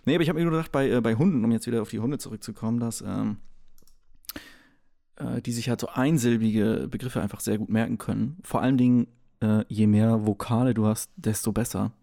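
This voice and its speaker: A man's voice: fairly low pitch, steady tone, a little fast, vocal fry, dark tone. A man in his twenties, co-hosting a casual podcast chat, rambling and joking as he talks. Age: 20s. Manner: rambling, jokey, trails off. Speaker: podcast co-host.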